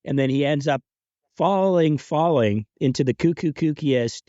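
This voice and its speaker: A man hosting a podcast in casual chat, excitable and rambling, laughing between thoughts, on a home podcast mic. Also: a little high, normal speed, no room sound, muffled recording. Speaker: podcast host.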